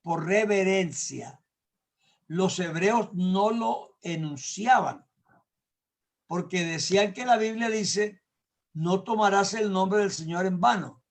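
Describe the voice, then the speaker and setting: Older male pastor, high light voice, emphatic teaching sermon, repeats words for stress. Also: slow. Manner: explains with everyday examples, asks listeners to agree.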